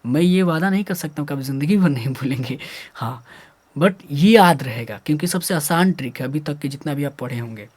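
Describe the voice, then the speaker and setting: A man's voice: on the high side, a little fast. A man teaching grammar, explaining step by step, often checking whether students follow and voicing their questions himself. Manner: animated, repeats "clear?" and "sir", acts out student questions. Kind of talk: classroom lesson, explaining step by step.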